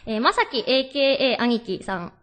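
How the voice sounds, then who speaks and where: A woman's voice: on the high side, sing-song, a little fast, fairly bright tone. A young woman hosting a radio talk show, chatting through stories and reading out listener mail.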